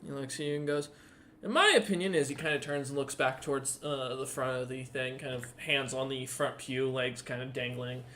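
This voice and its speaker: A man who is the dungeon master, narrating a tabletop game in a casual, halting way with lots of fillers. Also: mid-range voice, monotone, fairly bright tone, slight background noise.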